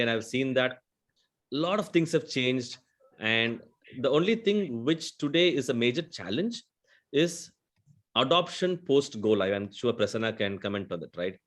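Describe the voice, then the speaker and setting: A man with a South Indian accent, explaining things earnestly in a webinar panel discussion and checking in with "right?" often. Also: medium pitch. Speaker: conversational AI vendor executive.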